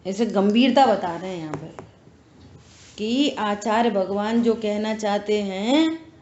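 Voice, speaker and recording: Slow, earnest woman teaching scripture. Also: medium pitch, a little mellow. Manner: slow, earnest explaining with rhetorical questions. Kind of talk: religious scripture class. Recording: echoey room, dull lo-fi sound.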